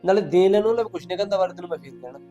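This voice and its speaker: A man's voice: high voice, mellow, highs cut off, soft background music, close to an everyday voice. A man playing a bossy, hot-tempered elder brother. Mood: insistent. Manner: insistent, argumentative, quick to anger.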